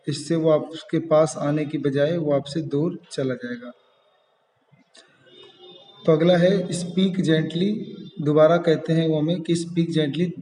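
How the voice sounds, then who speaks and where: Slow, echoey teacher explaining a poem. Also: male voice, a little high, mellow. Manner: reads English lines very slowly, then explains them. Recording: echoey room, far from the mic.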